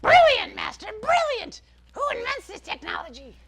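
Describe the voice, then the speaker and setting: A shrill, bratty imp sidekick shrieks with piercing brightness, his voice leaping all over the place. He sounds excitable and strained, always on the edge of shouting. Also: normal speed, heavily acted. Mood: gleeful. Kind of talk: comic product skit.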